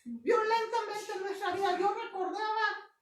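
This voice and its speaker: A woman pastor preaching in a very high voice. She repeats her points with emphasis, keeps checking in with the congregation and draws key words out in a half-sung cadence. The recording comes from an echoey church hall with the mic well away from her. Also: fairly even intonation, unhurried, far from the mic. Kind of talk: sermon with personal testimony. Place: church sanctuary.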